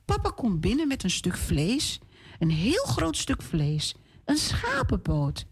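A woman on children's radio reading a Bible story aloud in a clear, expressive way. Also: medium pitch, slow.

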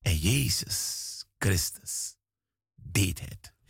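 A male preacher delivers a radio sermon in a husky, gravelly voice. He speaks slowly and with emphasis, repeating key phrases. His pitch leaps dramatically throughout, and the studio sound is dry. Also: animated, a bit bright, dry recording. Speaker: guest preacher.

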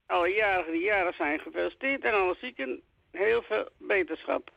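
An older woman phones in with a gravelly creak in her voice. She chats in a folksy, teasing, colloquial way. The line is dull and lo-fi, with a dry, close sound. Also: lowish voice, a little fast, no echo. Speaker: regular radio phone-in caller. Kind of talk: casual chat. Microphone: telephone.

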